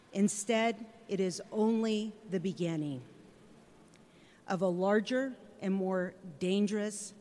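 Measured woman speaking in a reverberant hall. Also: fairly low pitch, a little mellow. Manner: measured, phrase-by-phrase delivery. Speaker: nonprofit chief executive, guest speaker. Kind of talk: prepared formal speech.

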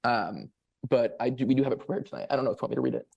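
A man on a public board speaks hesitantly, filling his pauses with ums and restarts. His voice is husky. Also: mid-range voice, darkish tone, muffled recording. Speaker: board member. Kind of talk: remarks at a public meeting.

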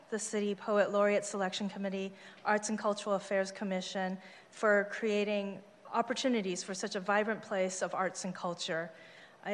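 Woman giving a speech in an echoey hall. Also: medium pitch. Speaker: incoming city poet laureate. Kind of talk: prepared short speech. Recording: reverberant council chamber.

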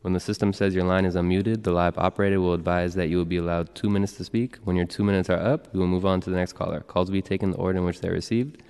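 A man working as a meeting clerk, reading roll calls and announcements in a steady, businesslike way. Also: deep voice, racing, few pauses, smooth. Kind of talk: formal public meeting proceedings. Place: large legislative chamber. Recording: long reverb of a large chamber.

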